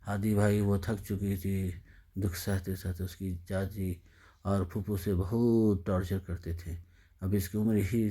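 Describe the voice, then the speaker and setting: A man's voice: deep voice, warm tone. A man narrating a sad story in a somber, sorrowful way.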